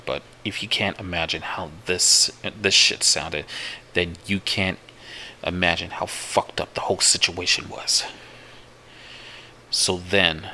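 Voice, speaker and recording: A man slowly tells a true-sounding horror story in the first person, swearing often and circling back over his own words. His voice sits very low, yet its tone is sharp and bright. A faint hiss runs under the recording. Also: rough recording. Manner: profane, slow, repetitive retelling.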